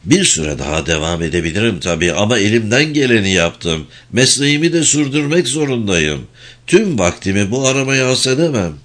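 Man reading as steady, patient lawyer character in an audiobook, low voice, measured delivery. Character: calm, firm middle-aged male lawyer executor.

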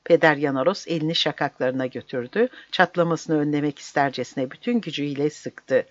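Audiobook narrator, calm even reading, dry kinda muffled recording. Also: medium pitch, brisk, no room sound. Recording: dry, slightly dull.

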